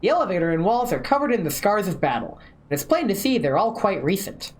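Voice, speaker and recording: Female streamer, medium pitch, very varied intonation, story narration, casual asides. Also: big pitch swings, brisk, a little mellow. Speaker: game streamer. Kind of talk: reading game story aloud with casual commentary.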